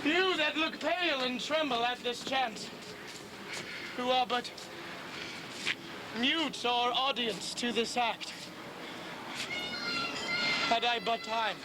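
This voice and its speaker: A very high-pitched male actor's dying prince speaks over loud background noise. He is anguished and passionate, gasping and halting slowly through Shakespearean verse. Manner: halting, gasping delivery with groans. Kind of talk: Shakespearean stage acting.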